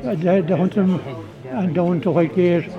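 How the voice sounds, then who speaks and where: A man with a rural west of Ireland accent reminisces casually in a high voice, repeating himself for emphasis. The recording is slightly dull, with a crowd chatting around him. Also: fairly even intonation, moderate pace. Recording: muffled, amid loud crowd chatter.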